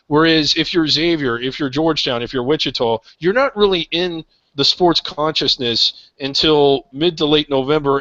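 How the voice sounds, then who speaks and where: A man's voice: medium pitch, bright, forceful tone, dry recording, highs cut off. A man hosting a roundtable sports talk show, thinking aloud in a rambling way with many restarts.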